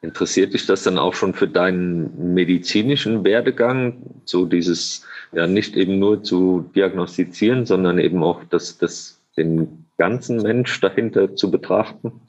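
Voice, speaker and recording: A man's voice: low-pitched, moderate pace, few pauses, darkish tone, dull audio. A man hosting a podcast interview, friendly and a little hesitant, with many fillers. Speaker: podcast host. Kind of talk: casual interview.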